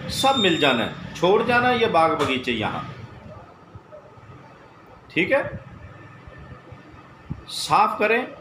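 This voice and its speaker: A man with a Pakistani Urdu accent preaches an earnest sermon, his voice sitting a little high for a man. He keeps pressing his listeners with rhetorical questions. The room is echoey, with a faint hum of ambience behind him. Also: a bit bright. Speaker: spiritual teacher. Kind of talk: religious sermon.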